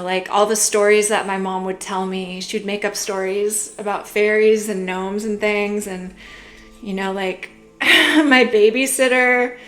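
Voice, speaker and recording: A young woman talks through a tarot reading in an easy, wandering way, full of little fillers. Her voice sits at an ordinary middle pitch, with faint music playing behind her. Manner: gentle, musing, many fillers like "like" and "you know". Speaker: tarot reader. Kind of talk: casual spoken tarot reading.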